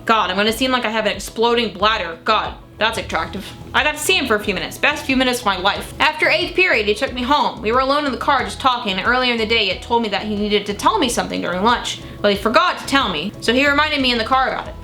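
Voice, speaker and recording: A woman's voice: fairly high pitch, expressive, fast talker, few pauses, sharp tone, soft background music. A young woman reading old teenage diary entries aloud in a dramatic, gushing way, breaking off for casual, sweary asides. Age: young adult. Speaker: vlogger.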